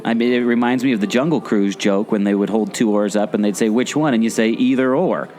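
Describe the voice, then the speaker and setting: Guitar music backs this scripted audio play, where a former theme park skipper turned podcast co-host voices a skeptical, baffled sidekick, delivering his lines theatrically. He speaks fairly quickly in a lowish, slightly mellow voice.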